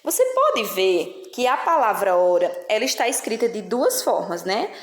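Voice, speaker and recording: A woman's voice: medium pitch, animated, echoey room. A woman with a Brazilian Portuguese accent, teaching a children's lesson patiently and checking in with the listener often. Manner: patient, explaining slowly with frequent "né?" and "certo?" checks. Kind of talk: recorded classroom lesson.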